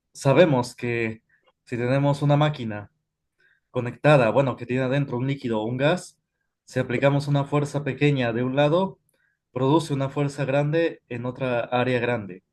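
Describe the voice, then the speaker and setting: A man's voice: medium pitch, fairly even intonation, unhurried, darkish tone. A man teaching a physics class, explaining step by step with frequent "este" fillers and self-corrections. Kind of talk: classroom lecture.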